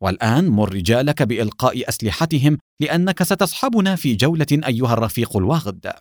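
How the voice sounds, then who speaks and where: A man voicing a cool, sarcastic male secret agent who speaks calmly and coldly. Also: mid-range voice, quick pace, no room sound, studio quality, natural voice. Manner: calm, mocking, cold.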